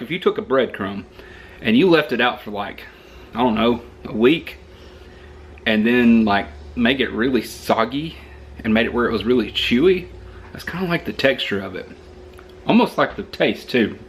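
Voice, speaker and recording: A man's voice: medium pitch, very animated, normal speed, slight background noise. Chatty Southern man reviewing food. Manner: chatty, rambling, joking.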